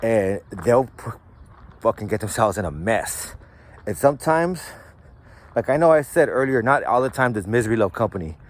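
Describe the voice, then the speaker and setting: A man's voice: fairly low pitch, lively intonation, normal speed. A man hosting a show, speaking in a casual storytelling way that is slangy and profane, with lots of "like" and "right?". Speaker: host.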